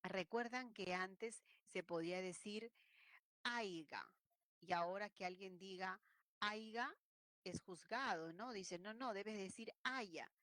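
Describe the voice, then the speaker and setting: A woman's voice: mid-range voice, unhurried, a bit bright, no echo. A woman teaching an online language lesson, explaining points and acting out regional ways of speaking. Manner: explanatory, acts out regional speech examples.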